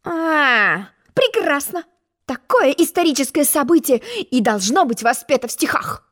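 A puffed-up, self-important egg from a storybook lectures in a high, sing-song voice, as a woman acts him out. His pitch leaps about eagerly, and every reply drips with condescension. He takes offense at the slightest remark. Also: sing-song. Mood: haughty. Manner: haughty, lecturing, quick to take offense. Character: pompous boastful egg-shaped male storybook character. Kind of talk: storybook reading.

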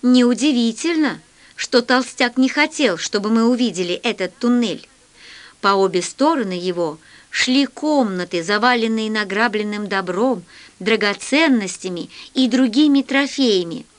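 A woman's voice: a little high, a little slow. Woman reading a children's story. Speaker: narrator.

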